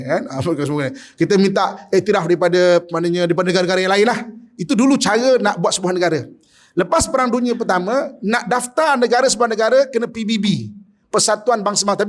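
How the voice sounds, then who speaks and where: A man with a Malaysian Malay accent giving a mosque lecture, often asking "kan?" and swinging from low asides to raised, near-shouted points. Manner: rhetorical, keeps asking "kan?". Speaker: preacher.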